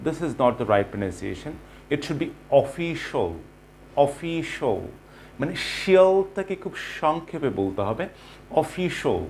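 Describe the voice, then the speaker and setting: A man with a Bengali accent teaching English pronunciation, repeating each word slowly and switching between Bengali and English. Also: mid-range voice, a little hiss or hum. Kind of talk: slow pronunciation lesson.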